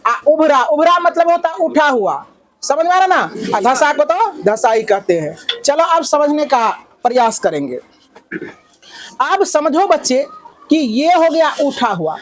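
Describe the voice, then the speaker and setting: A male teacher, leading a classroom lesson and drilling his pupils with loud, repeated questions. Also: extremely high pitch, big pitch swings, measured pace, a little hiss or hum. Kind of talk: classroom lesson with call-and-response.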